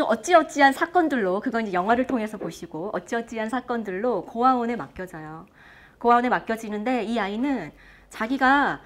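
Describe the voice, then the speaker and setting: A woman speech lecturer speaks from a stage to a live audience. Her voice sits fairly high and rises and falls a great deal. She talks in an animated, engaging way and keeps throwing questions to the crowd. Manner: lively, asks the audience questions. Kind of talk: motivational lecture.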